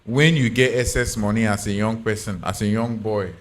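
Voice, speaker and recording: A man's voice: on the low side, fairly even intonation, normal speed. A man with a Nigerian accent giving his opinions emphatically on a podcast panel in Pidgin and English, often checking he is understood.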